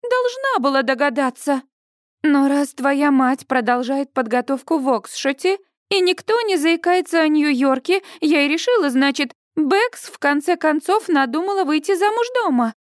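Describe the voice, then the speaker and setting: Woman reading a book doing a frantic young girlfriend, high and shrill, squeals when upset, dry close sound. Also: lively intonation, moderate pace, dry recording. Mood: fretful. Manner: rising to shrill, upset cries. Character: anxious young woman friend, easily alarmed. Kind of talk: audiobook character voice.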